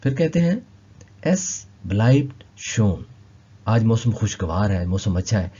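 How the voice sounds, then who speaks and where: Male language teacher, low dark husky voice, patient word-by-word repetition, dull lo-fi recording. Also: sing-song. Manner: slow, repeats each word several times. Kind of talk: explaining vocabulary lesson.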